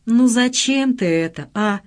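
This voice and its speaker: A woman's voice: fairly high pitch, expressive, unhurried, voice pushed up. Woman reading a fussy doting mom who scolds, swinging up and down a lot. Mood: fussing, scolding. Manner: scolding, warmly fussing tone. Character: fussing, doting middle-aged mother. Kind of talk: audiobook character reading.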